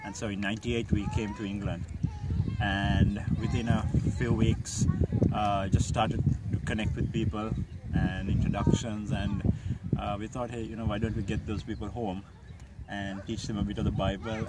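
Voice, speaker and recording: A man's voice: fairly low pitch, flat delivery, normal speed, recorded from a distance, heavy background noise. A man in his forties from Sri Lanka, a pastor, speaking hesitantly with many fillers in an outdoor interview. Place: open hilltop outdoors.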